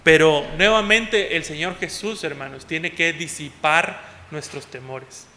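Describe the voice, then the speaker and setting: A man preaching a sermon as pastor, often calling out to the congregation as "hermanos" and moving between loud and soft passages. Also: a little high, measured pace. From Mexico. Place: church hall. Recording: long hall reverb.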